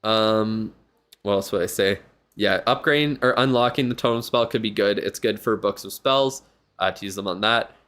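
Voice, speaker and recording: A man's voice: on the low side, normal speed, fairly bright tone. A tired man streaming live, giving casual, rambling commentary on a viewer's game account and thinking aloud with lots of fillers. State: yawning, tired.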